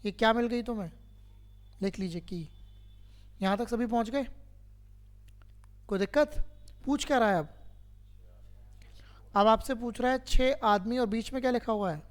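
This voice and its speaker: A man's voice: very high-pitched, moderate pace, pauses often. A man teaching a math lesson to a class, who keeps quizzing his students and patiently repeats each step.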